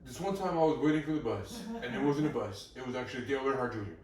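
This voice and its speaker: A young man co-hosting a comedy podcast, rambling through deadpan, absurd improvised stories. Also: mid-range voice, quick pace. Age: young adult. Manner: deadpan rambling storyteller, escalating absurd bits. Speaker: podcast co-host. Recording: echoey room, distant mic.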